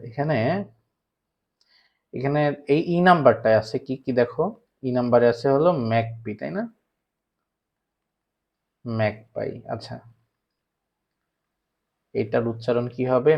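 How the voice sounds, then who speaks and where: A man's voice: medium pitch, normal speed, creaky, pauses often. A man with a Bangladeshi Bengali accent teaching an English class for primary students. He keeps asking the class questions and then answers them himself. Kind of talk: online class lecture. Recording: slightly dull lo-fi recording.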